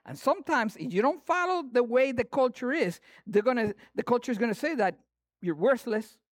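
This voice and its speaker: A pastor with a Latin American Spanish accent gives a lively sermon at a fairly quick pace. His voice is high for a man and sounds close in a dry recording. He is playful and animated, shifting between loud, punchy emphasis and hushed asides.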